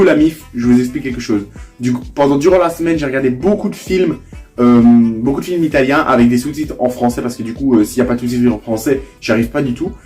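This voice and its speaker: A man's voice: mid-range voice, a little mellow. A young man, vlogging casually and rambling with restarts. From Belgium. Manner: rambling, leans on filler phrases and restarts. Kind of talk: casual vlog.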